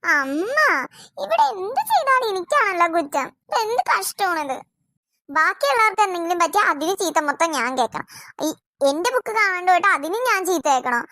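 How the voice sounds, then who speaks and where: A woman's voice: very high-pitched, big pitch swings, fairly quick, sharp tone, no room sound, clean studio sound, full character voice. A woman voicing a sulky elder daughter in a family cartoon who complains that she is always the one blamed. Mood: complaining. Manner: complaining, accusatory.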